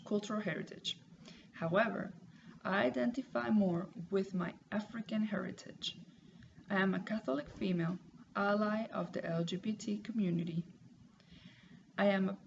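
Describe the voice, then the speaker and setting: A Puerto Rican woman in her 30s, a student, reads a class assignment aloud in a gravelly, medium-pitched voice. Her reading is careful and measured, with pauses. The lo-fi home recording carries some noise.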